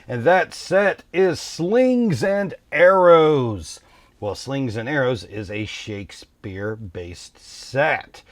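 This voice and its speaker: A man hosting a tabletop game channel, talking through a topic in a relaxed, thoughtful way with frequent ums and uhs. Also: mid-range voice, dry recording. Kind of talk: casual explainer talk.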